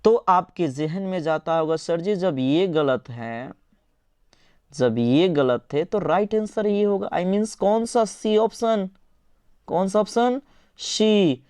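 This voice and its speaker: A man teaching an English grammar lesson in Hindi, quizzing his students and answering his own questions in a coaxing, lively way. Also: sits high, takes it slowly, smooth, no echo, clean studio sound. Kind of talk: online exam-prep lesson.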